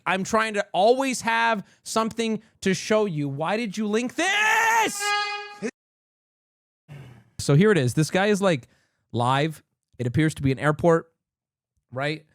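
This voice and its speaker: A man livestreaming, reacting to clips in casual chat and often bursting into excited shouting. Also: a little high, no room sound, studio quality.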